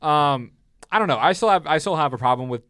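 Young male co-host, relaxed and chatty, recorded dry. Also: fairly high pitch, fast, smooth, dry recording. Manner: easygoing, looks things up, fond of trivia. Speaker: podcast co-host. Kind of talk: casual sports chat.

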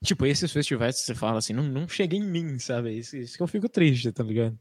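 A man's voice: medium pitch, expressive, fast, a little mellow, no room sound, studio quality. A young man with an interior São Paulo Brazilian Portuguese accent, chatting casually in slangy, self-deprecating fashion. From interior of São Paulo state, Brazil. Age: young adult. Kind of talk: casual chat.

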